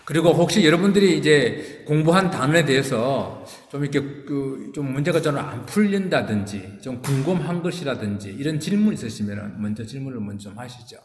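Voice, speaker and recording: A man as a pastor leading a casual Bible study, relaxed and rambling with many fillers and restarts. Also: mid-range voice, fairly quick, hardly any pauses. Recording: echoey room with long reverb.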